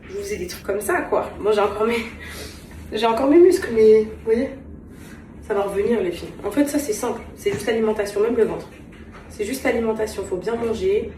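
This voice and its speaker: A woman's voice: medium pitch, fast, a little mellow. A woman chatting casually to her viewers in a home vlog, talking to them as girls while she cooks at home. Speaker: vlogger and mother. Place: home kitchen, indoors. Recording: echoey, noisy room, voice far from mic.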